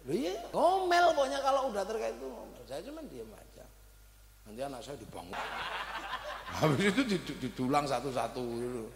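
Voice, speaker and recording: A man in his thirties telling a humorous family story, acting out quoted people in a low voice. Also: creaky. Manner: animated, acts out quotes in a low voice. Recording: echoey hall, long reverb.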